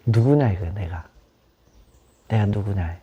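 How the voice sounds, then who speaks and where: A man's voice: fairly low pitch, measured pace, slightly rough. A man giving a Buddhist dharma talk to a small group, questioning them and repeating key words. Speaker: meditation teacher. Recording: dull lo-fi sound.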